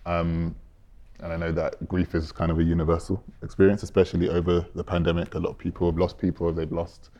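A man hosting a discussion panel, asking gently probing, hedging questions. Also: sits low, little pitch movement, fairly quick. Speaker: panel host.

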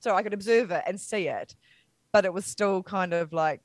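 A woman's voice: medium pitch, normal speed, dry recording. A middle-aged woman from New Zealand, an interview guest telling her own story candidly, acting out quoted voices and laughing at herself.

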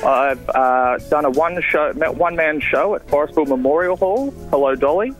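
An Australian man in his thirties giving a casual, dryly self-deprecating comic pitch as a radio caller. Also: lively intonation, normal speed, poor audio. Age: 30s. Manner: self-deprecating, dry humour. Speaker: radio phone-in dating contestant. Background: music.

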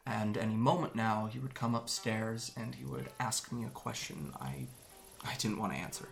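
A man playing a gravelly, hesitant young man. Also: fairly low pitch, faint music behind. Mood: somber. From Japan. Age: young adult. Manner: soft, hesitant storytelling with halting restarts. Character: young man, guarded and wry, recalling his escape. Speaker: interviewee. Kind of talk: audio drama monologue.

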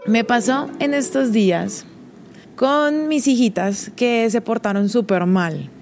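A woman's voice: fairly high pitch, slow pace, over music. A woman, hosting a casual, confiding monologue and laughing often as she talks. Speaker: host.

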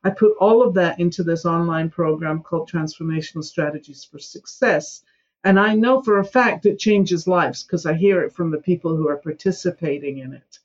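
Speaking at normal speed with a fairly low pitch, a woman in her seventies from Scotland appears as a guest in a podcast interview. She's emphatic and now and then imitates whiny excuses. The audio sounds dull.

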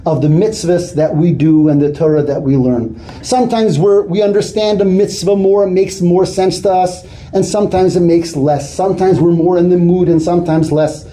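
A man giving an earnest sermon as a rabbi, weaving in a story told with lively quoted dialogue. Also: high-pitched, normal speed, few pauses, a little hiss or hum. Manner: earnest, builds to animated retelling of quoted dialogue.

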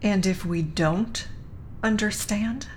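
A woman's voice: medium pitch, slow pace, darkish tone, slight background noise, close to an everyday voice. A woman playing an earnest, cautious, principled young woman in an audio drama, speaking sincerely. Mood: uneasy, challenging. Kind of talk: scripted audio drama acting.

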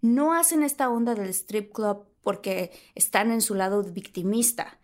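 A woman with a Mexican accent telling an animated anecdote in a casual chat, laughing often and jumping high to act out the voices of the people she quotes. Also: a little slow. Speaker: guest.

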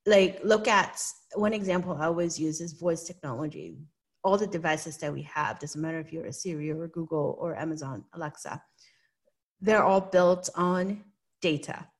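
A woman from Hong Kong speaks with a Hong Kong English accent in a lowish voice at a normal pace. She's an interview guest who gives earnest, explanatory answers and often checks in by asking "right?"

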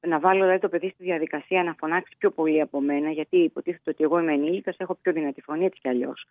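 A woman psychologist giving measured advice as a podcast guest, pausing and restarting often, heard over a phone line. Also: low-pitched, steady tone, no echo. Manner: measured, explanatory, with frequent hesitations.

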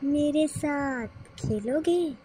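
Casting: a creepy little ghost girl for a horror audio story, high and childlike, slow and haunting. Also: noisy background. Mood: eerie invitation. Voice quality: eerie, slow and drawn out.

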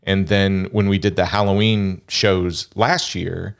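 A man's voice: low-pitched, steady tone, a little slow, gravelly. A man hosting a podcast, chatting in a casual, jokey and rambling way. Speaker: podcast host. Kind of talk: casual chat.

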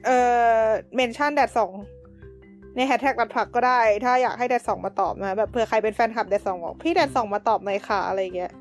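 A woman's voice: a little high, fast, faint music behind. A woman co-hosting a casual podcast in a teasing, playful way. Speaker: podcast co-host.

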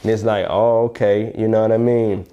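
A man with an Alabama Southern accent speaks in a low-leaning, very mellow and relaxed voice. He talks casually, as in an interview, using plenty of slang and often checking that the listener follows. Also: moderate pace, highs cut off. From Alabama, United States. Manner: slangy, repeatedly checks "you know what I'm saying". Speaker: rapper being interviewed.

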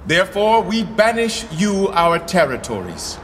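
A man's voice: high voice, sing-song, unhurried, a bit bright, soft background music, full character voice. An actor playing a young, imperious medieval king, declaiming Shakespearean verse in a regal, mercurial manner. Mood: stern, grand. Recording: long hall reverb, background noise.

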